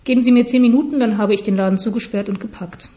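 A woman's voice: on the high side, fairly even intonation, fast talker, mellow, close to an everyday voice. A woman voicing a saucy female baker in a story, speaking in a cheeky, curt way. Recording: slightly dull recording.

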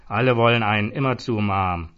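A man's voice: lowish voice, fast talker, clear, resonant tone, highs cut off, close to an everyday voice. A man voicing a casual, weary Jesus figure sitting at a pub bar. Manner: casual, sighing, offhand.

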